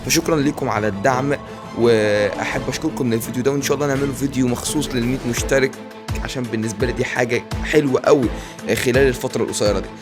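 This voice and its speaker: A young man with an Egyptian Arabic accent giving casual, excitable commentary over a video game he is playing. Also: medium pitch, music in the background. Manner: excitable, rapid banter and repeated exclamations. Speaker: gaming YouTuber.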